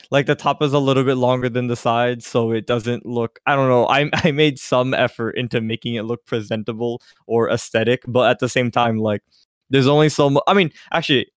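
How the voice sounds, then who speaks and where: A young man joking on a podcast, playful and self-mocking, his voice often jumping up in excited bursts. The pitch is ordinary and the sound is dry and close-miked. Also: smooth, no echo. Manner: jokey, self-mocking, animated. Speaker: podcast co-host. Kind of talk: casual chat.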